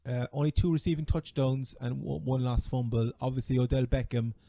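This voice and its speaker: A man with a Cork Irish accent chatting casually as a sports podcast host, halting and repeating words as he goes. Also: mid-range voice, flat delivery, vocal fry, warm tone, no echo. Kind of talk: casual fantasy American football chat.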